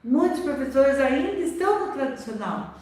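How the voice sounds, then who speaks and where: A high-pitched Brazilian woman teaching on a live stream, lively and full of rhetorical questions. Her voice sits well back from the mic. The room around her rings with a heavy echo. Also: moderate pace. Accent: Brazilian Portuguese. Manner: animated, rhetorical questions, acts out quoted voices. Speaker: literacy educator. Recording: echoey room, voice from far off.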